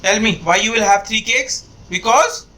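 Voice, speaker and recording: A man's voice: high voice, drawn-out words, background noise. An Indian man filming a family birthday at home, coaxing and teasing a toddler in a playful, repetitive way. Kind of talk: casual family home video.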